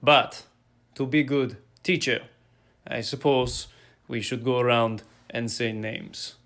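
A man switching impression voices, playing a blunt, deadpan male history teacher with a mock Russian accent in a comedy sketch. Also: medium pitch, slow, pitched below the performer's own voice. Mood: grumpy.

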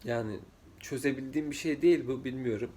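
A drowsy man chatting casually in a rambling vlog, his voice rough from just waking up, with slightly muddled L and R sounds. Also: medium pitch, fast, warm tone, slight background noise. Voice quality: trouble pronouncing L and R sounds. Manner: sleepy, rambling, jumps between topics. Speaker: vlogger.

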